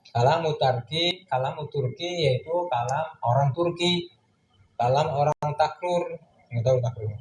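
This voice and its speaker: A male teacher giving a kitab commentary lesson, reading Arabic text, glossing it in Javanese and explaining in Indonesian, often asking and answering his own questions. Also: fairly high pitch. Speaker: Islamic grammar teacher. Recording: echoey room with faint background noise.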